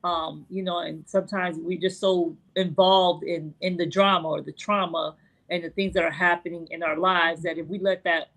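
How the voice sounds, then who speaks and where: A woman's voice: on the low side, level tone, moderate pace, fairly bright tone, low-quality recording. A woman in her late forties talking reflectively on a podcast, with many "you know" fillers. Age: 40s. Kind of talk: casual podcast conversation.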